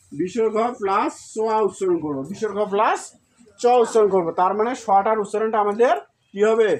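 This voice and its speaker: A man teaching pronunciation, asking questions and answering them himself, breaking words into syllables and chanting verse lines slowly in a melody. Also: sits high.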